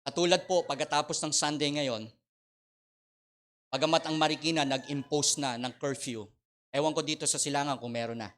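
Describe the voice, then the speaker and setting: A middle-aged man with a Filipino accent preaching a sermon as pastor, swinging between loud appeals and quiet asides. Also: on the high side, steady tone, moderate pace. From Philippines.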